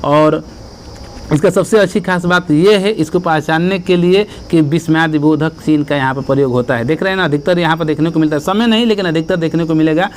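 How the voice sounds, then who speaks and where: A man teaching grammar for exam prep. He explains step by step, reads verse examples slowly and keeps checking in with the students. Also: fairly high pitch, slight background noise.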